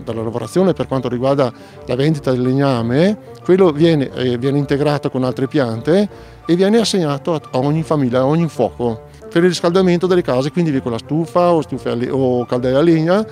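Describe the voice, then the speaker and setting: A middle-aged man with a Trentino Italian accent explaining things in a measured way during an outdoor interview by a lake, speaking into a handheld mic. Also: mid-range voice, mellow, faint music behind. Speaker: local commons committee representative. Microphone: handheld mic close up.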